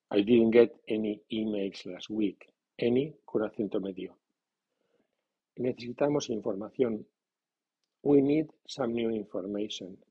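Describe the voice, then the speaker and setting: A man teaching a grammar lesson in a measured, scripted way, reading example sentences slowly. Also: fairly low pitch, breathy edge. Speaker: language teacher. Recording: dull lo-fi sound.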